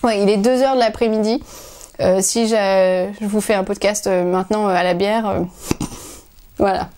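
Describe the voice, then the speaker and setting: A woman's voice: medium pitch, steady tone, normal speed, dark tone, slight background noise. Rambling woman hosting a knitting podcast. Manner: rambling, full of hesitations and restarts. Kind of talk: casual chat to viewers.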